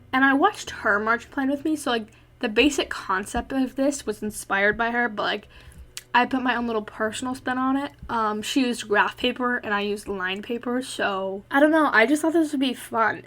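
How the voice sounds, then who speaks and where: Teen girl, fairly high voice, out of breath, chatty, filler-heavy casual voice-over. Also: a bit bright. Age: teens. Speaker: vlogger.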